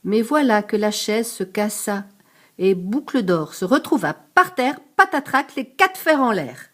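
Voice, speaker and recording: An older woman reading a picture book aloud to a grandchild, lively, stopping to explain hard words. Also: medium pitch, a little slow.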